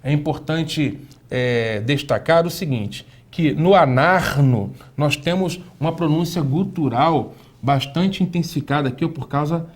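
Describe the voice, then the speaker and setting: A man gives a recorded language lesson. His voice sits a little high, and he speaks slowly and patiently. He repeats each word several times for the student to echo and puts questions straight to the student. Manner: addresses the student directly, asking questions. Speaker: Hebrew teacher.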